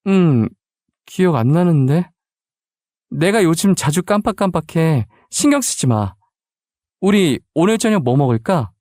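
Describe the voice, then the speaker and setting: A man's voice: fairly high pitch, very animated, a little slow, long pauses, darkish tone, dry recording, studio quality, voice pushed up. A man voicing a playful, forgetful young woman about to be married, who talks casually and teasingly. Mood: casual, breezy. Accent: Busan dialect in some lines.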